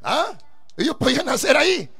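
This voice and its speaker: High-pitched shouting preacher, gravelly. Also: male voice, big pitch swings, fairly quick. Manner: emphatic, preaching with shouted bursts. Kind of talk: fervent live sermon. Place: church service.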